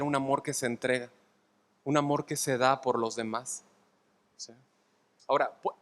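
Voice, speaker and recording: A pastor with a Mexican Spanish accent delivers an expository sermon in a church sanctuary, often checking in with the congregation and repeating points for emphasis. His voice is fairly high and fairly bright. A long hall reverb fills the recording.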